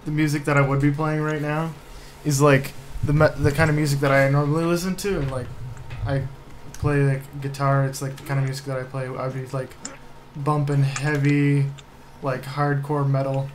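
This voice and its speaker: Typing and room noise fill the background as a young male live streamer chats casually while hosting his game stream. He sounds gloomy and puts himself down, speaking at normal speed in a flat, somewhat high voice.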